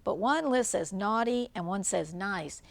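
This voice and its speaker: An older woman narrates a children's storybook aloud in a grandmotherly way, with plain asides about what the pictures show. Her voice is mid-range, creaky and expressive, at a measured pace.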